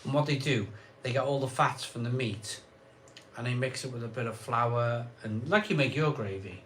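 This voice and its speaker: A man's voice: mid-range voice, normal speed, a bit bright, a little hiss or hum. A man hosting a live beer review stream, chatting casually and rambling with restarts. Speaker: host of a beer review channel.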